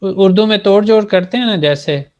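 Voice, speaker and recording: A man teaching an online language class, calm, affirming students with frequent hums. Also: high-pitched, brisk. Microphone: video call.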